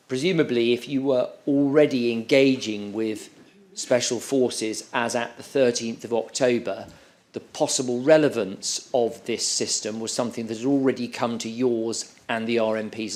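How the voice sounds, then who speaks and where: Inquiry counsel, male, measured and polite, deliberate questioning. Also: medium pitch. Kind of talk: formal questioning.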